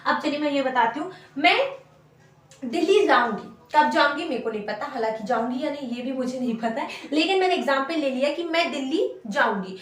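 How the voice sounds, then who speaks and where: Speaking briskly in a high pitch, a woman patiently explains English grammar and repeats each example sentence. She's recorded from a distance in an echoey room.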